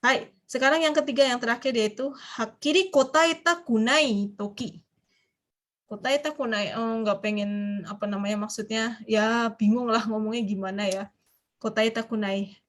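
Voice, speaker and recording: Chatty, animated woman teaching a class. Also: fairly high pitch. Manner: chatty, animated, mixes Japanese phrases into explanations, asks the class questions. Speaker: Japanese language lecturer. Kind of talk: online class lecture.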